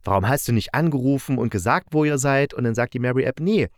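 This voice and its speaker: The host here is a fast-talking man of medium pitch with lively intonation, reviewing audio dramas. He retells the stories in a casual, colloquial, opinionated style, and the studio audio is clean with no echo.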